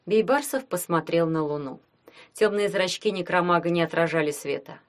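A woman's voice: fairly low pitch, moderate pace. Woman reading a fantasy audiobook. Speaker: audiobook narrator. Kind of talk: scripted narration.

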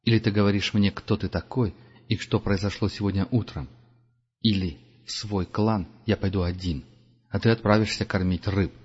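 A man doing a tough, irritable hunter in an audiobook, curt and growling. The voice sits low and the recording sounds dull and lo-fi. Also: fairly even intonation, normal speed, a little mellow, slightly rough, big-room sound. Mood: menacing. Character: gruff tough male hunter, irritable and menacing.

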